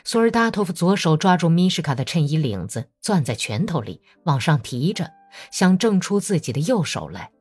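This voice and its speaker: A woman narrating a novel as an audiobook, measured and expressive in her storytelling. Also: on the low side, husky, no echo, soft background music.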